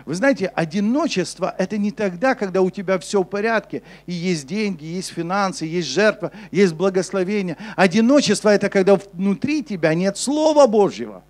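A young man preaching a sermon on a church stage with a handheld mic, switching between emphatic urgency and a soft, low delivery. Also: lively intonation, a little fast, hardly any pauses. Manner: preaching with rising intensity, then dropping soft and low for scripture. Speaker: pastor. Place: church stage before a congregation.

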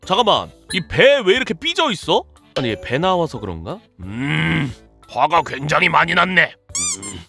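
A woman's voice: low-pitched, very animated, moderate pace, gravelly, pushed and bright, soft background music. A woman streaming a casual game, giving playful commentary and scolding the game pieces as if they were children.

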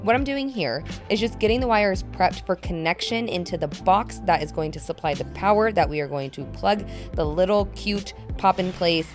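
Young woman vlogging her trailer reno, low chatty voice, faint music behind. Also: animated, normal speed, hardly any pauses. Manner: chatty and upbeat, shouts in frustration at times. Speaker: DIY renovation vlogger. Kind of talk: casual vlog narration. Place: small trailer under renovation, indoors.

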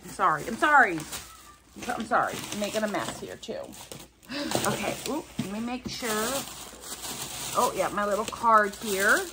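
A woman's voice: mid-range voice, animated, moderate pace, long pauses, background noise. A woman vlogger chatting casually to camera while unboxing gifts, gushing and gasping over each one and rambling off into asides. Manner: rambling, jumps between asides. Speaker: vlogger opening subscriber gifts.

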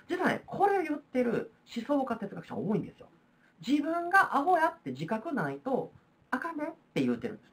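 A woman's voice: medium pitch, creaky, pushed and bright. A woman with a Kansai accent teaching a history lesson on video, explaining in a chatty way with frequent fillers. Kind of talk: recorded video lecture.

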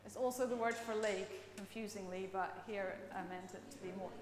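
A woman's voice: mid-range voice, fairly even intonation, moderate pace, noisy background. A woman from the Netherlands with a Dutch accent, giving a playful, chatty all-age talk in church and quizzing the congregation. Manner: playful, chatty, laughs often, quizzes the audience. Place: church sanctuary. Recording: echoey church with long reverb.

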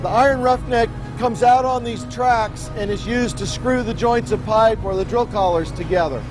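A man's voice: very high-pitched, moderate pace, music in the background. A middle-aged man giving an informative technical explanation, as a drilling expert on a tour.

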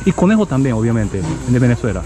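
A man's voice: medium pitch, big pitch swings, fast talker. A man in his thirties with a Japanese accent, chatting casually to a handheld camera as a vlogger, playful and exclamatory, often repeating short phrases. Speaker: travel vlogger and channel host. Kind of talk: casual vlog chat. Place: outdoors on streets and zoo paths. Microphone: handheld action camera at arm's length. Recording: outdoor recording with background noise.

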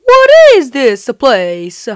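A woman's voice: high-pitched, huge pitch swings, very slow, clear, resonant tone, no room sound, clean studio sound, heavily acted. A woman voicing an eager, bewildered little cartoon plumber hero who exclaims constantly, in a silly mismatched amateur redub of a film.

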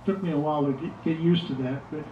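A man's voice: a little high, fairly even intonation, quick pace, a little hiss or hum. Older man, distant echoey room. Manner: rambling, with fillers and restarts. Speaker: musician speaking at an event. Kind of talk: casual remarks to an audience. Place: music shop, indoors. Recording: echoey room from far off, dull lo-fi.

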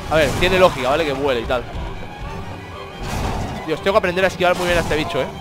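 A man with a Spain Spanish accent giving excitable let's-play commentary, swearing a lot and talking to the enemies on screen. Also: fairly high pitch, quick pace, music in the background. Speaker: gamer playing a video game.

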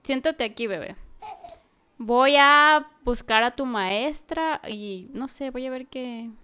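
A woman giving animated let's-play commentary, talking to a baby character and often yelling and laughing. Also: sits high, slow, clean tone. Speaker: gaming youtuber.

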